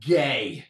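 A man's voice: a little high, a bit bright. A young man hosting a casual gaming-channel chat with friends, playful and teasing. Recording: roomy, distant mic.

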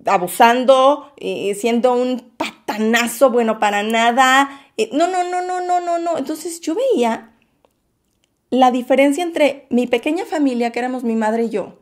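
A woman, a YouTuber, candidly and expressively telling a personal story to her viewers, whom she calls her loves. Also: a little high. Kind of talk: storytime vlog.

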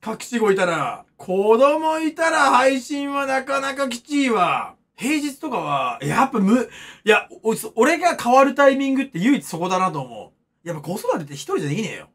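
A man's voice: extremely high pitch, sing-song, moderate pace, fairly bright tone. A man in his thirties, a streamer, rambling and joking as he reacts to chat comments in a casual stream. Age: 30s.

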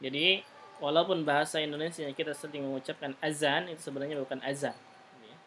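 A man's voice: on the high side, steady tone, fast talker, a bit bright, slight background noise. A man teaching an Arabic class, patiently drilling pronunciation and tagging sentences with "gitu, ya". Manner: patient, repeats "gitu, ya" tags. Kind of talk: online class instruction.

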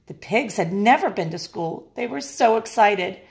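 A woman teacher reading a picture book aloud with expressive, playful storytelling. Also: mid-range voice, normal speed, vocal fry. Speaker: music technology teacher.

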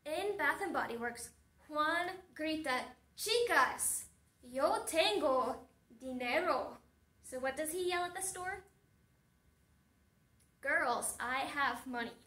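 A woman teacher tells a story to her class, speaking very slowly and deliberately and stopping to ask questions. Her voice sits high. The recording is roomy and echoey, as if she is standing a little back from the mic. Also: bright, forceful tone, far from the mic. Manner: slow and deliberate, asking the class questions and recapping. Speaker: Spanish teacher. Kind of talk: slow storytelling lesson for a class.

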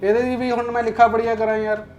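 A hot-tempered Punjabi creditor. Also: male voice, very high voice, flat delivery, darkish tone, soft background music. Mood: pleading. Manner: insistent, quick to anger. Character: aggrieved male businessman, hot-tempered creditor. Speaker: client owed an order. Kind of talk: web drama acting.

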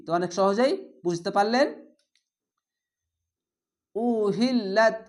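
A woman teaching Quran reading, who spells each word letter by letter with its vowel marks and then blends it in a slow, drawn-out recitation. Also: medium pitch. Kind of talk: step-by-step spelling lesson.

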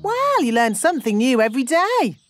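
A chirpy rabbit tour guide. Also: female voice, sits high, big pitch swings, brisk. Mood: cheerful. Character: cheerful rabbit tour guide woman, chatty and upbeat. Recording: voice over cartoon music.

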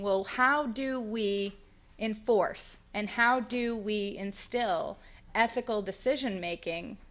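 A woman's voice: mid-range voice, fairly bright tone. A middle-aged American woman with a lateral lisp, presenting at a podium in a conversational, explanatory way with rhetorical questions. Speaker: panelist presenting at a law school conference. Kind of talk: semi-formal spoken presentation. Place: indoor lecture room at a podium. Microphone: podium microphone on a boom stand.

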